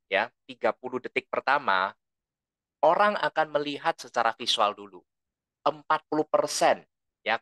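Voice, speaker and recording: Male trainer, bright mid-pitched voice, dry close sound, relaxed lecturing delivery that leans toward loudness. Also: no echo. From lived abroad for a long time. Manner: relaxed, explanatory, tags sentences with "ya"; says his own volume tends to run loud. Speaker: presentation skills trainer.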